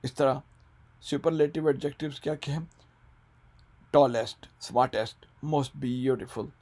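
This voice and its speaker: A man with a Punjabi-Urdu accent teaching an English grammar lesson. He explains step by step, asks rhetorical questions, and slows right down to read out English example sentences. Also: medium pitch, darkish tone.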